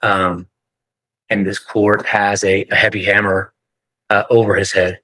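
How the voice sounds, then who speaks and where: Low, even-toned male defense attorney. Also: dry recording, poor audio. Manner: measured, deferential. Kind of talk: formal courtroom argument.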